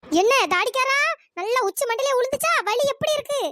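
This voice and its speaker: Brief: a performer doing squeaky, fast-talking greedy village women, dry close mic. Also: female voice, animated, noisy background. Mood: gloating. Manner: nagging, teasing, shrill calls. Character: bickering, greedy village women after palm fruit. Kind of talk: cartoon voice acting.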